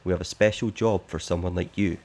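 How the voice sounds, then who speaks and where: A man's voice: low voice, steady tone, fairly quick, darkish tone. A man voicing a shady smuggler boss who offers a secret job, read plainly from the game text.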